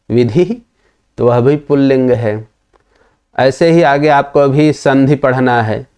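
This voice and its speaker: A man's voice: medium pitch, mellow, clear, resonant tone. A man teaching Sanskrit grammar in a patient lecture, asking questions and answering them himself. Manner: patient, repeats and questions to explain. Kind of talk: explanatory lesson.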